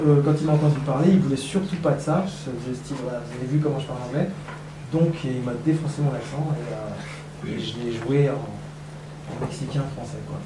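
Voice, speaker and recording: A man speaking as a guest filmmaker at a film club Q&A, chatting casually, rambling and self-mocking with lots of hesitations. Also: fairly high pitch. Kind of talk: casual onstage Q&A talk. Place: cinema hall at a live screening event. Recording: echoey hall, distant mic, audience noise.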